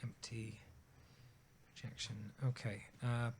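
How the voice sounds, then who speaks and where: A man on a video call, casually working through a software problem out loud, trailing off and restarting as he thinks. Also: medium pitch, level tone, slow, breathy edge. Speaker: software user on a live Q&A. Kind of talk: casual technical problem-solving chat.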